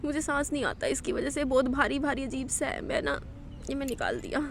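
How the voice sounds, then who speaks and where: High-voiced distressed young woman vlogging. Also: fairly even intonation, fairly quick, gravelly, a little hiss or hum. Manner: tearful, confiding, distressed. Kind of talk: emotional personal vlog. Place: outdoors in a park.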